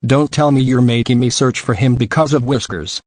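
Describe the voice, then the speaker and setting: Man reading a gruff male spy chief. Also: medium pitch, fairly quick, darkish tone, dry recording, natural voice. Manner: gruff, teasing.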